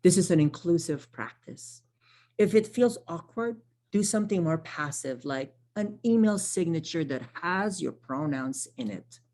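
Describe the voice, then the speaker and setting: Leading a virtual training session, a Tagalog-speaking social worker from the Philippines keeps things conversational, frequently tagging "right?" and correcting herself mid-phrase. She sounds fairly low, mellow, animated, and unhurried.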